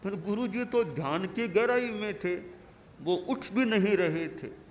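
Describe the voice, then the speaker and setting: A man, a monk preacher, giving a sermon through animated storytelling. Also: high-pitched, a little slow, a little hiss or hum.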